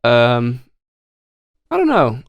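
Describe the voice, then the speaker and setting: A young man talks in a Hull accent with a gravelly edge to his voice. He is chatting as a guest, informal and happy to swear. The sound is dry and close. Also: medium pitch, wildly swooping pitch, slow, no room sound, muffled recording. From Hull, England. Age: young adult. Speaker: podcast guest, music student. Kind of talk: casual chat.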